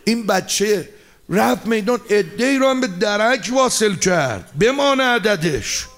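A man's voice: high voice, animated, fairly bright tone. A man giving a mourning sermon, lamenting and chanting with emotion. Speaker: mourning preacher.

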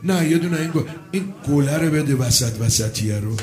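A man preacher delivering a mourning sermon, swinging between chatty asides and shouted, sung lament. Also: a little high, animated. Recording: echoey hall with faint music.

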